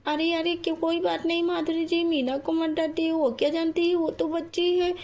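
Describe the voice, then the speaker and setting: A woman's voice: very high voice, level tone, moderate pace, a little mellow. A woman voicing a kind, polite young housewife. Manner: polite, reassuring. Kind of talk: doll story role-play.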